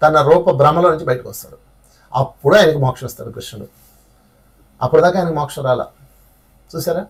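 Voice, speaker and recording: A man's voice: fairly high pitch, brisk, long pauses, husky, recorded from a distance. A man teaching a spiritual class, telling stories in a conversational way and asking his listeners rhetorical questions.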